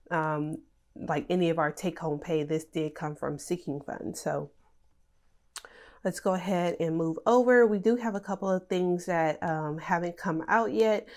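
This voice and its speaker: A young woman who hosts a budgeting channel chats casually while going over her budget planner. Her voice sits a little low and sounds nasal and stuffed up from a cold, and her relaxed talk is full of fillers.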